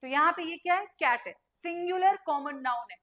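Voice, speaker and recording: A young woman teaching an online grammar lesson. She asks her students questions and answers them herself, and she spells letters out slowly. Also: extremely high pitch, fairly bright tone.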